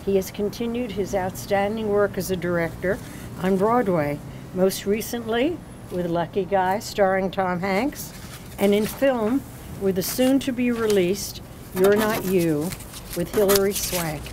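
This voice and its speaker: Standing at an outdoor podium beside a city-street doorway, an older female ceremony host reads formal introductions from her notes, slipping slightly now and then. She speaks in a mid-range voice at a measured pace, recorded through the podium mic amid street noise.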